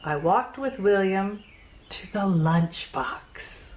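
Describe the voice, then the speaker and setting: A woman's voice: mid-range voice, lively intonation, slow, a little mellow. A woman performing a theatrical monologue, reminiscing wistfully and trading gossipy asides. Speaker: stage performer.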